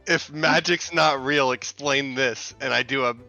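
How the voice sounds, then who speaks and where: A man's voice: mid-range voice, unhurried, vocal fry, bright, forceful tone, faint music behind, poor audio. A man playing a tabletop game over a voice call who keeps breaking into giggles as he talks.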